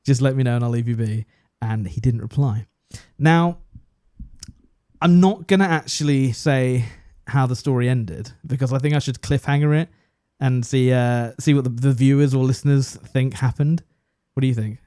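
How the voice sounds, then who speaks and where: A man's voice: mid-range voice, normal speed, warm tone, clear, resonant tone, no room sound, clean studio sound. A young English man casually telling a story on a podcast and acting out both sides of the conversation. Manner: chatty, self-deprecating, acts out both sides of a conversation. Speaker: podcast co-host.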